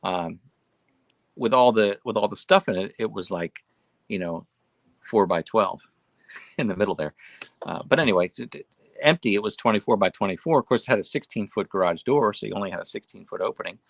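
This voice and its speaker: A man with a fairly low voice chats casually as a livestream host. His delivery is folksy and rambling, circling back to repeat phrases for emphasis. The sound is dry, with very little room in it. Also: animated, fairly quick, vocal fry, no echo. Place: inside a barn.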